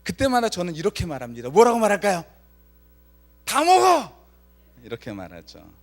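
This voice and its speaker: A man's voice: a little high, quick pace. A man preaching a Friday night sermon as pastor, telling a story with acted-out lines and questions to the congregation. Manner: lively storytelling, acts out quoted lines, asks the congregation questions. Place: church sanctuary.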